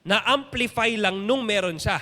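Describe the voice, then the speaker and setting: A Filipino-accented male pastor delivers a sermon in a notably high voice. He preaches with emphasis, repeating phrases and guiding the congregation along. His voice rings with a long reverb from a church hall. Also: a little slow, sharp tone. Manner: emphatic, repetitive preaching that leads the listeners.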